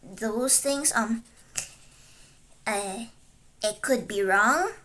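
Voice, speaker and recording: A teenage vtuber streamer from the Philippines, whose first language is Chinese, chats casually on a livestream while studying, rambling hesitantly with many fillers and self-corrections. Her voice is on the high side and fairly bright, with drawn-out words and slight background noise.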